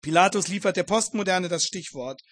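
A man's voice: sits high, fairly quick, a bit bright, dry recording, clean studio sound. A man preaching a Bible exposition sermon, earnest, addressing his listeners formally and building emphatic repetitions.

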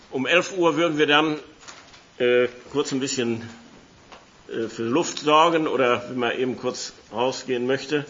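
Preaching in a church hall while fighting a cold, a man delivers a sermon with Bible reading, his mid-range voice hoarse yet bright and forceful. He chats casually with the congregation and reads scripture aloud, and the lo-fi audio is slightly muffled with a little hiss or hum.

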